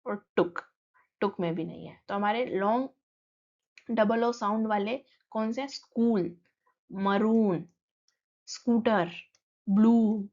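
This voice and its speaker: A woman teacher, explaining a textbook lesson and reading English lines slowly before she explains them. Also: medium pitch, creaky, darkish tone, lo-fi sound.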